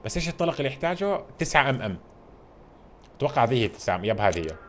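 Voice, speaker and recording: An excitable man chatters through a video game, keeping up a running stream of remarks to his viewers. He talks at a racing pace in a voice of middling pitch. A faint background noise sits under the recording. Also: rapid-fire. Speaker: gamer playing a video game. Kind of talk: casual gameplay commentary.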